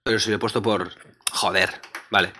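A man's voice: lowish voice, steady tone, a little fast, background noise. A man hosting a casual gaming podcast, joking and swearing with friends. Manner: crude, joking, laughs often. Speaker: podcast host. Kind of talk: casual banter.

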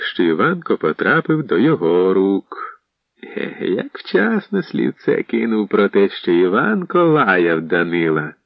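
Man, very deep voice, audiobook narrator, dry close sound, dull lo-fi recording. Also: dry recording.

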